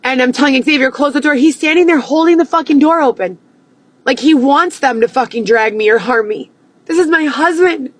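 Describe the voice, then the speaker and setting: A woman livestreaming a profane, agitated monologue that at times rises close to yelling. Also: high-pitched, moderate pace, dry recording. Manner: agitated, swearing, rising to near yelling.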